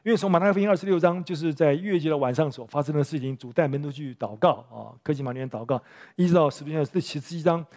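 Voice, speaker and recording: Man, pastor, fairly high voice, lively storytelling sermon in a church. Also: racing. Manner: lively storytelling with rhetorical questions to the congregation.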